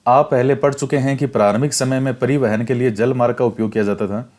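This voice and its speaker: A man's voice: mid-range voice, fairly even intonation, brisk, darkish tone. A male teacher giving a classroom lecture, reading from a textbook and explaining it step by step, repeating key facts.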